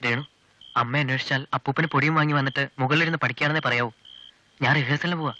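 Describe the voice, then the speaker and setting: An actor playing a playful nineteen-year-old young man in a 1980s film, giving brisk instructions. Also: mid-range voice, steady tone, pushed and bright, lo-fi sound, lightly acted. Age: young adult.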